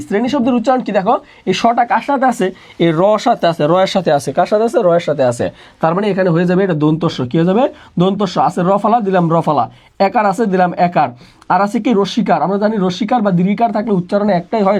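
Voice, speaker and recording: A man's voice: high-pitched, a little mellow. Man drilling students by repeating questions. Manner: repeats each question and answers it himself in a call-and-response drill; mixes English words into his speech. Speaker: admission test tutor. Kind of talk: online exam-prep lesson.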